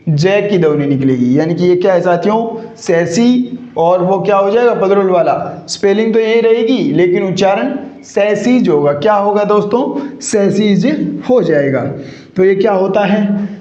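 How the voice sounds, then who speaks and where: A male English grammar teacher gives a classroom lecture in a rather high, warm voice at normal speed. He drills every point by asking rhetorical questions and repeating the answers, and the recording is muffled and echoey.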